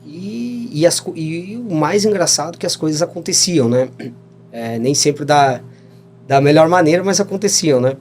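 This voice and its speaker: In this laid-back storytelling interview, a Brazilian podcast guest in his thirties drifts from story to story, laughing along and frequently saying "né?" His slightly high voice is expressive and a bit mellow, delivered at a moderate pace over soft background music.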